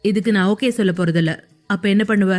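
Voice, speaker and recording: A woman's voice: mid-range voice, a little fast, a little mellow, faint music behind, lightly acted. A woman voicing a curt, bossy young man in a romance audio story.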